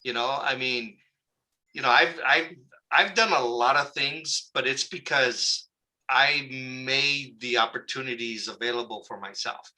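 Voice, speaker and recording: A man, a guest telling lively stories in a casual interview and acting out the people he quotes. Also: mid-range voice, a little slow, poor audio. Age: 60s. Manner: animated anecdote-telling, acts out quoted people.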